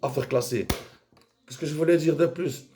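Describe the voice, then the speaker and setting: A man rambling in a casual, vulgar monologue, jumping between mumbles and shouts. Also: on the high side, normal speed.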